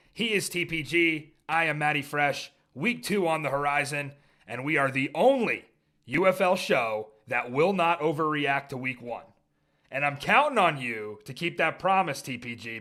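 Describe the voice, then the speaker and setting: A man's voice: on the high side, pushed and bright. Upbeat man co-hosting a sports podcast. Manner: upbeat, joking banter. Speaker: podcast co-host. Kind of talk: casual sports podcast chat.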